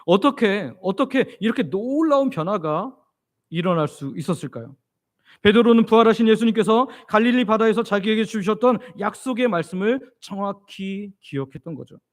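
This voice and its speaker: High-voiced Korean pastor preaching. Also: male voice, lively intonation, normal speed. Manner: asks the congregation questions and answers them; leads the congregation in reading scripture aloud. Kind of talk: expository sermon.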